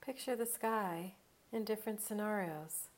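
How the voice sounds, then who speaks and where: Speaking in a mid-range voice, a woman leads a calm, unhurried guided meditation. Her brief phrases are spaced out with lengthy silences.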